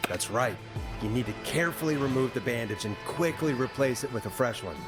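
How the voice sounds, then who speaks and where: A mid-pitched male voice from an actor plays an earnest radio host in a video game. He gives directions steadily and reassuringly, keeping composed. Music is clearly audible behind him. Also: animated, fairly quick, natural voice. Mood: steady, reassuring. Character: calm, earnest male late-night radio host guiding emergency calls. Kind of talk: dramatic video game acting.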